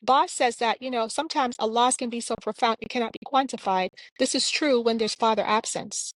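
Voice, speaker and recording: A woman's voice: on the high side, a little fast, no room sound, low-quality recording. Earnest woman from Jamaica, dry sound. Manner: reflective, earnest, with many fillers. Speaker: guest, clinician and author. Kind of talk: podcast interview answers.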